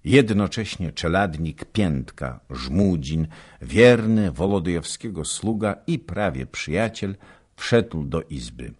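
A man reads a historical novel aloud, slow and deep. His husky voice rises and falls widely, giving the story an expressive, unhurried pace. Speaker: audiobook narrator. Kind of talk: scripted literary narration.

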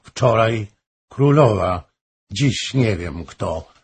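A man reading an audiobook, voicing a pale, weak, grieving noblewoman who pleads and warns slowly and solemnly. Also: fairly low pitch, lively intonation, slightly rough, full character voice. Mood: grave pleading.

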